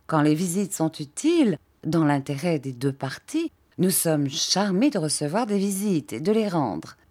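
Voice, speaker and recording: A woman's voice: low-pitched, sing-song, measured pace, warm tone, heavily acted. A woman reading an audiobook, voicing a prim, formal older spinster who sets out polite rules precisely. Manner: stiff, precise and ceremonious.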